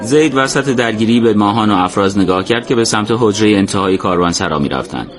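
Male narrator for an audio adventure story, lowish voice, steady and colloquial. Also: some chatter behind.

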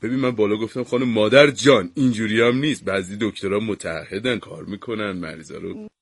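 A man's voice: on the low side, slightly rough, no room sound, clean studio sound. A man playing a patient but defensive doctor in a comic radio sketch, placating and mildly exasperated.

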